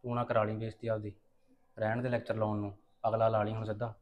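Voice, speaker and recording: A man playing a fast-talking grumbling classmate. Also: fairly low pitch, completely flat delivery, muffled recording, a little hiss or hum, lightly acted. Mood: casual, grumbling. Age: young adult. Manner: casual, grumbling and chatty. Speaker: college classmate. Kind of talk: short film acting.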